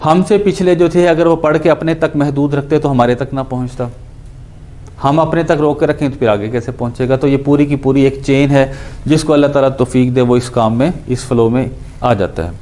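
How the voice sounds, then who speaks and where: A male teacher giving a grammar lesson at an ordinary middle pitch. He explains step by step, repeats each verb form as he drills it, and slips English words into his explanations. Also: steady tone, darkish tone. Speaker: Quran and Arabic grammar teacher.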